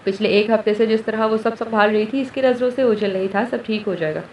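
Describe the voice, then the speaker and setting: A woman reading a romance novel aloud in steady storytelling narration. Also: a little high, brisk, a little hiss or hum. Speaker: story reader. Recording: echoey room, distant mic, faint ambience.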